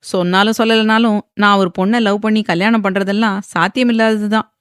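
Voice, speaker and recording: A woman voicing a teasing young man in an audio novel, speaking in playful, lively banter. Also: mid-range voice, a little fast, smooth, no room sound, clean studio sound, lightly acted.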